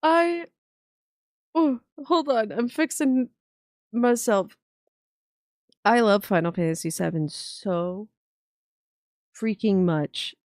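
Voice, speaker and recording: A woman streamer reacting live, talking in a gushing, excitable way with swearing and laughter. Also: medium pitch, slow pace, long pauses, no room sound, clean studio sound.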